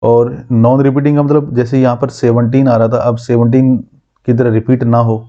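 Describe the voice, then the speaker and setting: Male math teacher, very dark tone, lo-fi audio, quizzes the class and drills terms. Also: mid-range voice, flat delivery. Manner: asks students questions and answers them himself; repeats key terms slowly.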